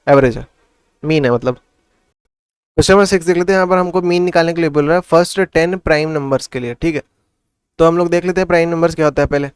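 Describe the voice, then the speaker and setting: Maths tutor, male, slightly high crisp voice, talks through sums in Hindi-English, dry close recording. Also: quick pace, dry recording. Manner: asks and answers his own questions. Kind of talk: casual classroom explanation.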